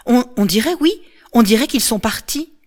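Soft-hearted young widow, played by a woman, light and wondering, storybook. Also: fairly high pitch, expressive, moderate pace, voice pushed up.

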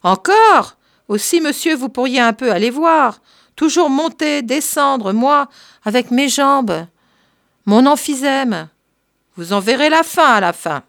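A woman's voice: high voice, animated, slow pace, fairly bright tone, dry recording, studio quality, voice pushed up, heavily acted. A woman voicing an aging, complaining female housekeeper with a whiny, scolding manner.

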